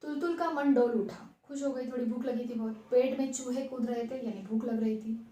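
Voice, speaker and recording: A woman's voice: a little high, fairly even intonation, brisk, dark tone. Woman teacher retelling a story. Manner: explains plainly, glosses words as she goes. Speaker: Hindi teacher. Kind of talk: retelling and explaining a textbook story. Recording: echoey room.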